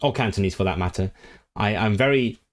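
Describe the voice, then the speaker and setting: A man streaming live, his voice sitting slightly low. English is not his first language. He muses aloud in a relaxed way and picks up viewer comments as he goes. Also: fairly quick. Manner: musing, answers viewer comments. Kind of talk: casual livestream chat.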